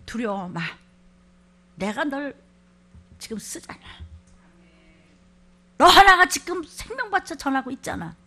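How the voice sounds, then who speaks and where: Woman pastor, high-pitched, fiery sermon delivery with sudden shouts and quiet scolding. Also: very animated, unhurried, pauses often. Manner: swings from quiet asides to shouted scripture, scolding. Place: church.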